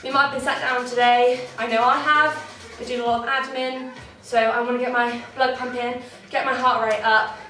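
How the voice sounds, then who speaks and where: Young female dance teacher, high and bright, slightly out of breath, distant in a roomy space. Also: flat delivery, moderate pace, few pauses, a little hiss or hum. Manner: encouraging, counts beats aloud. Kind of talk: online dance warm-up class. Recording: echoey room, distant from mic, faint music.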